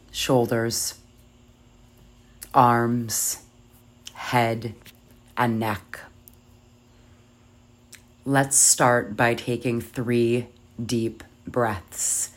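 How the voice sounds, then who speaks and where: Slow, soft meditation guide. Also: mid-range voice, little pitch movement. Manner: soft, soothing, measured delivery with long pauses. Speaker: yoga nidra meditation guide.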